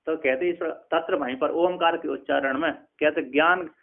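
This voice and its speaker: A man teaching scripture in a discourse, reciting Sanskrit lines slowly and then explaining them with many restarts. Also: fairly high pitch, fairly even intonation, gravelly. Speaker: Vedanta teacher. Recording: phone-like narrow sound.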